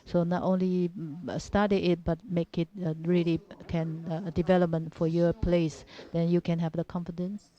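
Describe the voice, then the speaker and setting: A woman from Japan with a Japanese accent giving an informal religious teaching talk in halting, simple non-native English, repeating her phrases. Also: lowish voice, level tone, mellow. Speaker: religious seminar speaker. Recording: dull, muffled lo-fi audio.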